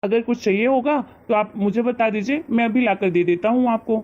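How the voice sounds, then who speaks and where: A woman playing a calm dutiful son, lo-fi. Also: a little high, a little fast, natural voice. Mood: gentle. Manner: soothing, conciliatory.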